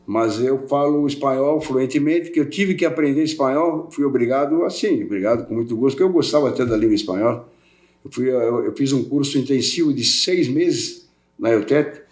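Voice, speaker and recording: Animated and darkish in tone, a medium-pitched older man talks at a moderate pace as a podcast guest. He's a welding specialist from Portugal, brought up in Brazil, whose casual interview chat rambles with repeated and restarted words, and the recording echoes roomily.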